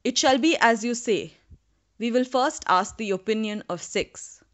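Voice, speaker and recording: A woman's voice: fairly high pitch, measured pace, a bit bright. A woman voicing a fierce, treacherous male tiger in a folktale reading. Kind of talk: storybook reading. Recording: dull lo-fi recording.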